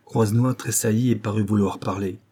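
Low, husky male audiobook narrator. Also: steady tone, brisk, dark tone. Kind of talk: scripted narration of a novel.

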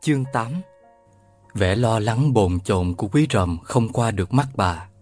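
Male audiobook narrator, animated and close-miked, quiet music bed behind. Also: fairly low pitch, a little slow. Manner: lively storytelling, voices all the characters. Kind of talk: scripted narration of a children's novel.

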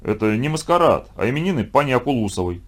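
A man's voice: medium pitch, sing-song, fast talker. Guy reading as a scared little schoolboy, timid mumbling. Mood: frightened. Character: frightened young schoolboy on duty.

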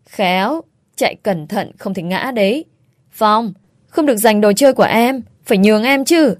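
A woman reading the part of a scheming middle-aged mother-in-law who feigns innocence, in a shrill, scolding manner. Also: animated, normal speed, no echo, studio quality, lightly acted.

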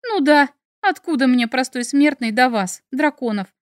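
A woman voicing an indignant, sarcastic young heroine with high, exclaiming lines in an audiobook. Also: expressive, moderate pace, no echo, clean studio sound. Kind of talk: audiobook character voice.

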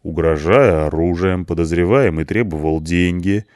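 A man voicing a calm, wry police officer who slowly dictates a report in formal wording. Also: low voice, dry recording, studio quality, natural voice. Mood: dictating.

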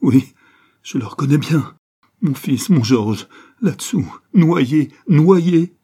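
A man's voice: a little high, expressive, slow, mellow, husky, voice pushed up, heavily acted. A man voicing an older grieving father who wails and sobs in broken cries in an audiobook. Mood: anguished.

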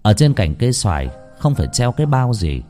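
Dark-voiced man telling a ghost story. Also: lowish voice, brisk. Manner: dramatic, expressive storytelling. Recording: faint background music.

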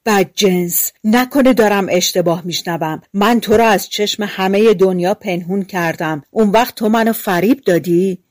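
A woman's voice: mid-range voice, few pauses, no room sound, close to an everyday voice. A woman putting on a cruel, scolding old witch. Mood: furious. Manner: harsh, scolding shouts.

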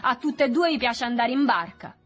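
A woman's voice: fairly high pitch, lively intonation, moderate pace, a bit bright, faint music behind, voice pushed up. A woman voicing a mocking teenage boy who taunts the others in an audiobook reading. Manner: taunting, teasing.

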